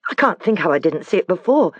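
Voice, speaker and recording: A man doing an excitable young boy. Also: high voice, quick pace, no room sound, highs cut off, voice pushed up. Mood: excited. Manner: eager and excitable.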